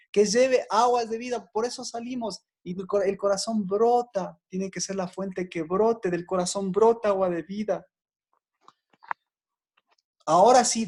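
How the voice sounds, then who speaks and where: A woman preacher giving an interactive Bible lesson. She repeats her questions to the listeners and gets excited by their answers. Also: a little high.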